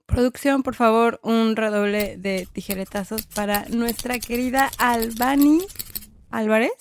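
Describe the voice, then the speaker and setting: A woman's voice: on the high side, fairly even intonation, unhurried, a little hiss or hum. A woman co-hosting a podcast, joking in a laid-back, slangy way. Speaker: podcast co-host. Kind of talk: casual chat.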